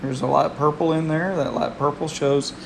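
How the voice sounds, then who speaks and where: A man's voice: a little high, fairly even intonation, moderate pace, vocal fry, background noise. A man giving casual live weather commentary as a streamer, repeating phrases for emphasis.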